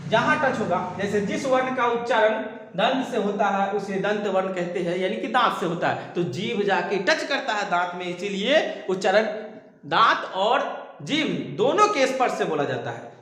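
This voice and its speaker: A man teaching a grammar lesson who repeats key phrases, asks his students rhetorical questions and dictates slowly word by word. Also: high-pitched, expressive, fairly bright tone. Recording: very echoey room with long reverb.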